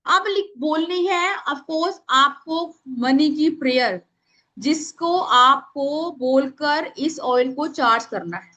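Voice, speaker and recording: High bright-voiced woman teaching an online class. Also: animated. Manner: addresses participants by name, dictates affirmations slowly. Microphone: video call.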